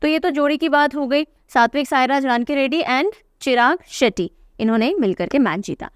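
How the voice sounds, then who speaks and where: A woman's voice: high voice, a little fast, no room sound, clean studio sound. A young woman teaching an exam-prep lesson, chatty and teasing, repeating key names to drill them in. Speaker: current affairs teacher.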